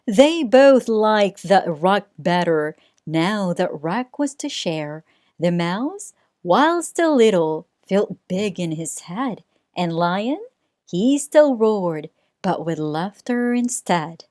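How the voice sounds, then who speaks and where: A woman reading a rhyming children's story aloud in a sing-song way, with dramatic pauses. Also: medium pitch, big pitch swings, darkish tone, no room sound, studio quality. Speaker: storybook reader. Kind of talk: children's read-aloud narration.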